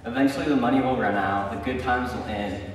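A man's voice: medium pitch, quick pace, slight background noise. A young man giving a casual, chatty sermon, telling stories with frequent ums and likes. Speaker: preacher. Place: church sanctuary. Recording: echoey church hall from far off.

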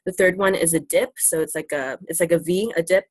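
Talking fairly quickly in a fairly low-pitched, slightly rough voice, a young native English speaker presents about China to students during a casual virtual classroom Q&A. Her relaxed delivery is loaded with ums and likes, recorded on a laptop webcam call with no room sound.

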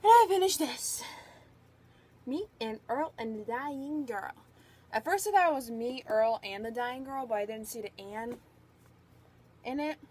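A woman's voice: fairly high pitch, unhurried, a little mellow, slight background noise. A young woman casually reviewing a book on camera, rambling and chatty, a little out of breath. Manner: rambling, chatty, filler-heavy. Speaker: book vlogger. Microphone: phone or webcam.

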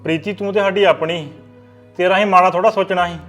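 An actor playing an earnest elder brother giving stern advice in a family drama. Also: male voice, high voice, fairly even intonation, fast talker, a bit bright, faint music behind. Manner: earnest, lecturing.

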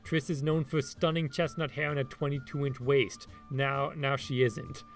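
A man's voice: mid-range voice, flat delivery, moderate pace. Man with rhotacism, r sounding like w. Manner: sarcastic, exasperated, profane. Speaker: video essay critic. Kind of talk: opinionated ranting video commentary. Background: music behind the voice.

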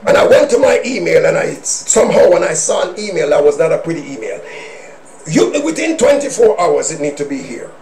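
High, animated, gravelly male preacher. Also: brisk. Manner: emphatic, swings between hushed asides and shouted declarations. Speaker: minister. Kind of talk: preaching a personal testimony. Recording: roomy echo.

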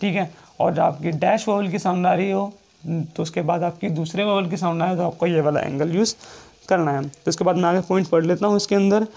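Man, shorthand teacher, lecture, repeats points, reads rules out slowly. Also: sits high, fairly even intonation, creaky, a little mellow. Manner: repeats points often, checks in with 'theek hai' and reads English rule text out slowly. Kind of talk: classroom lecture explaining a shorthand rule.

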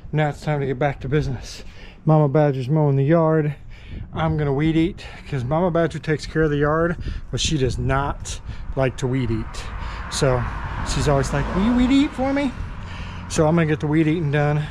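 Here the man, in his 50s, talks in a slightly high, somewhat mellow voice at a moderate pace, with faint background noise. He's vlogging casually to an arm's-length action camera, giving relaxed tour-guide commentary at an indoor karting venue and in his garage at home.

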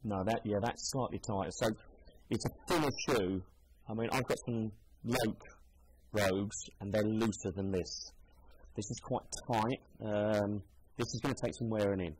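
Chatty man, low voice. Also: moderate pace, background noise. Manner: chatty, thinking aloud while trying on shoes. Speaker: shoe seller. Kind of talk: casual product demonstration.

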